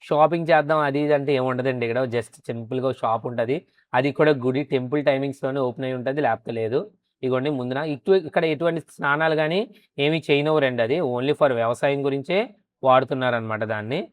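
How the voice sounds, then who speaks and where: Smooth, dry-voiced male vlogger. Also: medium pitch, quick pace, no echo. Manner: polite, adds a respectful "andi" often while showing the site. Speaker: travel vlogger and temple guide. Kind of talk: narration and casual guided tour.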